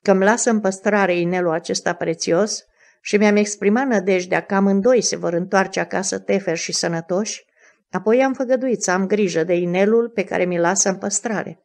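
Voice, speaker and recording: A woman's voice: medium pitch, darkish tone, natural voice. A woman reading the part of a candid, spirited young noblewoman in an audiobook, earnest and a little defensive.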